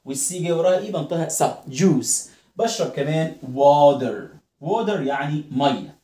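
A man's voice: on the high side, expressive, brisk, dark tone. A male English teacher with an Egyptian Arabic accent, giving a phonics lesson and repeating each word over and over for students to copy. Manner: drills pronunciation, repeating words many times. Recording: roomy echoing room.

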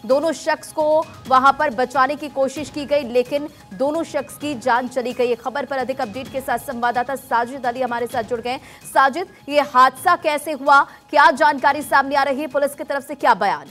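A woman's voice: high-pitched, normal speed, few pauses, fairly bright tone, faint music behind. A female news anchor presenting breaking news in an urgent, formal way and putting probing questions to a reporter.

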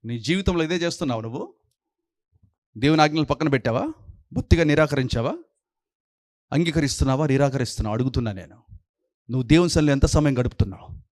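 A man preaching a sermon as pastor, scolding his listeners with rapid-fire rhetorical questions. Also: medium pitch, a little mellow, dry recording, studio quality.

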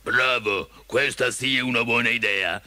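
A man's voice: mid-range voice, fairly even intonation, moderate pace, bright, forceful tone, dry recording. A man voicing a big, timid, self-pitying lion in a storybook reading, plaintive and sighing. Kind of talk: storybook character voice.

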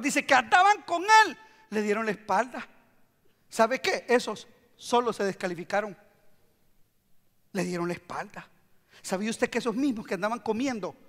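A man preaching a sermon as pastor, animated, acting out quotes and swinging between hushed and loud. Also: sits high. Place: church sanctuary. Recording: long hall reverb.

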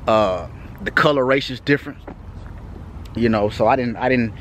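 A man's voice: mid-range voice, moderate pace, fairly bright tone, a little hiss or hum. A man from Texas with a Texas accent, talking casually to his viewers outdoors at night in a loose, laid-back way, with lots of "you know what I'm saying.". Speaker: vlogger. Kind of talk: casual vlog update.

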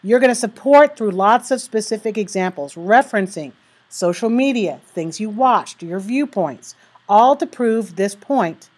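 A woman's voice: mid-range voice, lively intonation, a little mellow, breathy edge. Woman teacher talking students through writing. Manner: talks students through steps, reads sample sentences slowly. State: has the hiccups. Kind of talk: recorded writing lesson.

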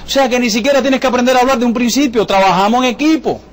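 A man giving a jokey motivational sales presentation to a live audience, firing off rhetorical questions. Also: very high-pitched. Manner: jokey, rapid-fire, full of rhetorical questions. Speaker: business presenter. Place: event room with a live audience.

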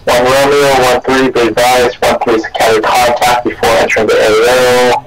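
A man's voice: medium pitch, normal speed, rough recording. A man making clipped radio procedure calls as the radio operator in a team military game, heard through a game radio intercom. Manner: steady, formal call-sign delivery.

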